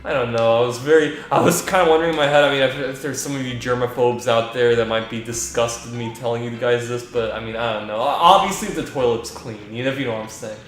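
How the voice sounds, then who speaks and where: A man's voice: mid-range voice, fast talker, hardly any pauses, faint music behind. Rambling young man in an echoey room. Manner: rambling, filler-heavy, crude. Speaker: let's play commentator. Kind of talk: casual gaming commentary. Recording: very echoey room, faint noise.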